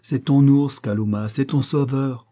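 A man's voice: medium pitch, steady tone, a little slow, dark tone, voice pushed up, lightly acted. A man voicing a firm, composed lady explorer. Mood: earnest. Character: composed British woman explorer, firm and kind.

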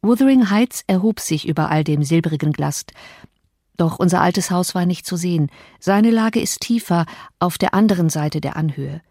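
A woman narrating a classic novel as an audiobook in a measured, deliberate manner. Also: lowish voice, lively intonation, a little mellow, dry recording, clean studio sound. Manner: measured, slow on key phrases.

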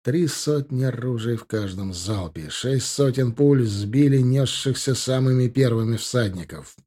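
A male audiobook narrator with a dark, mellow voice, telling a war story in a steady, measured way. The delivery is scripted and even, at middle pitch for a man.

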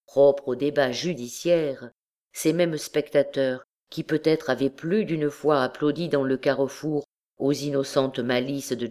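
A woman narrating a classic novel as an audiobook, in a measured, deliberate reading. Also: very deep voice, darkish tone. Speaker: audiobook reader.

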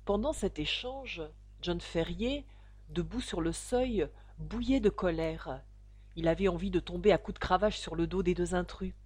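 A woman narrating a classic novel aloud in a measured, steady reading voice, close to the microphone. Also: lowish voice, husky, dry recording. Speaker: audiobook narrator.

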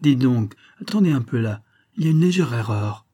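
A man voicing a gruff, nervous lodging keeper who protests bluntly. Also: on the high side, normal speed, mellow, pitched above the performer's own voice. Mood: vehement.

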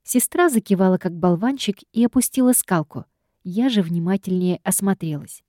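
A woman's voice: medium pitch, moderate pace, warm tone, no echo, studio quality. A woman reading a first-person audiobook in a wry, sardonic storytelling manner. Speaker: audiobook reader.

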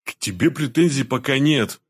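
Narrator doing a stern, tense security man, husky and terse. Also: mid-range voice, expressive, moderate pace, voice pushed up. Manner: terse, hard-edged.

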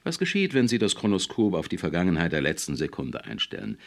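A man's voice: low-pitched, huge pitch swings, fast talker, full character voice. A man reading a cold, stern official. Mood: lecturing. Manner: cool, probing, lecturing. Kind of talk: audiobook character reading.

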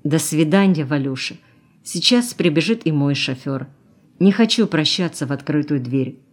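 Audiobook doctor: gentle, reserved woman, read by a woman. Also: low-pitched, lively intonation, normal speed.

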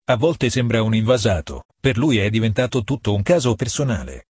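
Un uomo legge un audiolibro con tono calmo e misurato, voce bassa e leggermente roca. Il suono è asciutto e vicino al microfono, senza riverbero. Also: male voice, fairly quick, breathy edge, no room sound, studio quality. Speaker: narrator. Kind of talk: audiobook narration.

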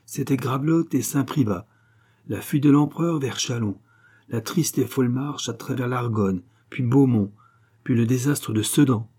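A man narrating a classic novel as an audiobook in a measured, literary reading. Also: medium pitch, dark tone, slightly rough. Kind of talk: scripted narration.

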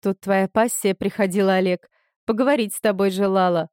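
A woman's voice: mid-range voice, fairly even intonation, a little fast, darkish tone, clean tone, no room sound, studio quality, natural voice. A woman voicing a weary, guarded wife. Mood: subdued. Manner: subdued, guarded.

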